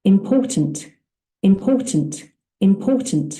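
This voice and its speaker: A woman's recorded dictionary voice pronouncing single words carefully and crisply. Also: mid-range voice, expressive, unhurried, dark tone. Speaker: dictionary pronunciation audio. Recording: roomy echoey playback.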